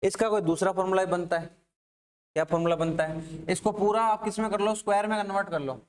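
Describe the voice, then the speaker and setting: A man's voice: sits high, fairly even intonation, brisk. A male maths teacher with a Rajasthani Hindi accent gives a classroom lecture, asking the class questions and then answering them himself.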